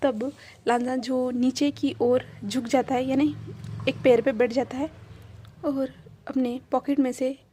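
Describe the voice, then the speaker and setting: A woman's voice: sits high, fairly even intonation, a little slow, mellow, slight background noise. A woman casually retelling a romance story, chatty and repetitive, fond of its characters.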